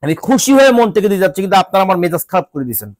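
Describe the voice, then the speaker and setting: High-pitched Bangladeshi man, stuffy-nosed and exasperated. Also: big pitch swings, rapid-fire, no room sound. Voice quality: nasal, congested stuffy nose. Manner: exasperated, scolding, repeats rhetorical questions. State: sick with a cold, voice changed. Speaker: vlogger. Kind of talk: informal rant to viewers.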